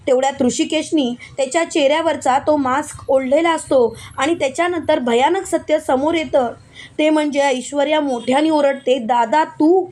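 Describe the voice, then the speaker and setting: A woman narrating a TV serial episode recap in a brisk storytelling manner, linking one event quickly to the next. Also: sits high, darkish tone. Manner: brisk, chains events with repeated "then".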